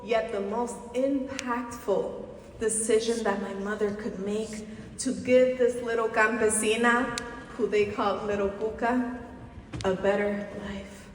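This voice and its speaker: A woman from the Dominican Republic delivers a commencement keynote on a large auditorium stage, her voice on the high side. She speaks slowly and deliberately in a rhetorical style with emphatic pauses. The recording is distant and echoey, with the hall's long reverb and a little hiss or hum.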